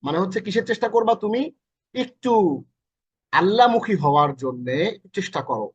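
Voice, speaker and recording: A man's voice: high-pitched, big pitch swings, a little fast, slightly rough. A man teaching a Quran lesson in Bangladeshi Bengali, going over each meaning again and again in a chatty way. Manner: repeats each meaning several times, colloquial asides; corrects himself mid-lesson. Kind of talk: recorded lesson explaining Arabic verses.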